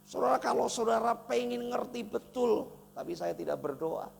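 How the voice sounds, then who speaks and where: A male pastor from Indonesia delivers a sermon, his voice rough with gravel. He surges into loud, emphatic lines, then drops to soft, close asides. The sound rings with long church-hall reverb over a faint background hiss. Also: very high-pitched, lively intonation, moderate pace.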